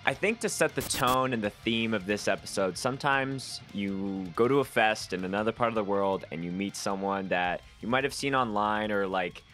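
A man's voice: fairly low pitch, moderate pace, few pauses, faint music behind. A man hosting a podcast, talking casually with lots of ums and likes. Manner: relaxed, filler-heavy talk with frequent "like" and "um". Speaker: podcast host. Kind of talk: casual interview chat.

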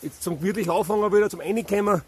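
Husky high-voiced Bavarian man hiking. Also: racing. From Lower Bavaria, Germany. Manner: chatty, opinionated, talks to camera while hiking. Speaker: vlogger, hiking channel host. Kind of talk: casual outdoor chat to camera. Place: rocky forest trail outdoors in winter. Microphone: handheld camera at arm's length.

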